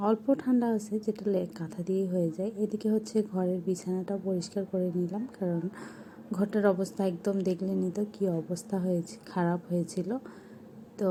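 A young woman narrating her home vlog in a soft, hushed voice-over. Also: medium pitch, steady tone, moderate pace, slight background noise. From Bangladesh. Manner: soft, hushed talk so a sleeping child stays asleep. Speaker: vlogger.

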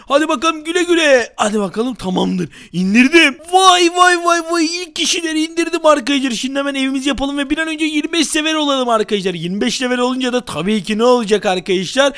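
A man playing a tiny, helpless baby TV-headed creature in a Minecraft roleplay, talking excitably to his viewers and pleading when threatened. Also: extremely high pitch. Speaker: gaming YouTuber.

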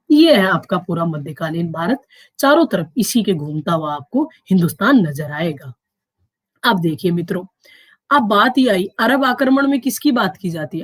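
A woman teacher giving an online exam-prep history lecture, quizzing her class with rhetorical questions, lifting her pitch on each question and slowing down to stress key terms. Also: dry recording.

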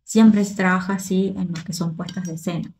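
A woman from the Río de la Plata region, a choreographer and dance teacher giving excited, casual reaction commentary, repeating herself and restarting often. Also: fairly low pitch, fairly quick, slight background noise.

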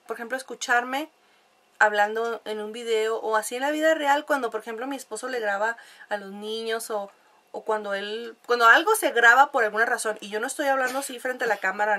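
A woman's voice: a little high, a little fast, bright, forceful tone. Nasal young Mexican woman chatting. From La Paz, Mexico. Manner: chatty, laughs often, many fillers. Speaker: vlogger. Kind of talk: casual chat to camera.

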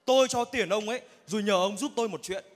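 Man, comedy sketch, customer, calm, teasing, high voice, echoing hall. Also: quick pace. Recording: reverberant hall.

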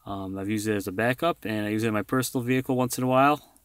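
Racing along in a lowish voice, an American man who used to drive trucks rambles through a casual, self-deprecating vlog showcasing his gear. He starts inside a parked vehicle and later moves outside beside it, and the recording is clean with no echo.

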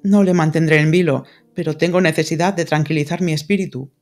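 A woman's voice: sits low, steady tone, a little fast, a little mellow, faint music behind. A woman voicing a spirited, independent young woman in an audiobook, speaking with polite but firm composure. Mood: composed. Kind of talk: audiobook character reading.

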